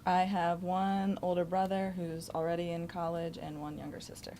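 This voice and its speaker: Low-voiced eighteen-year-old girl. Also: little pitch movement, moderate pace, warm tone, slight background noise. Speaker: graduating homeschool student. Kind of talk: casual interview answers.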